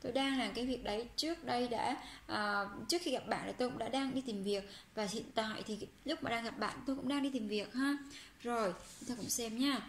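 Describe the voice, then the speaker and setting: Brief: woman language teacher, high voice, patient and repetitive delivery, roomy recording. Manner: patient, repeats phrases slowly for learners; reads Korean example sentences quickly. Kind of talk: explaining a language lesson. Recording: roomy with faint background hum.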